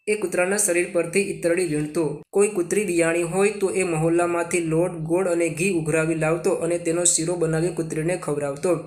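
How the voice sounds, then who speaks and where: A man with a Gujarati accent reads textbook questions and their answers aloud, in a steady question-and-answer manner, as a teacher. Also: a little high, a little hiss or hum.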